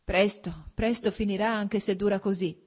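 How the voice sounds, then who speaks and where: A woman's voice: medium pitch, steady tone, moderate pace, darkish tone, husky, close to an everyday voice. Woman narrator voicing a proud young wife, cornered and defensive. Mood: hurt.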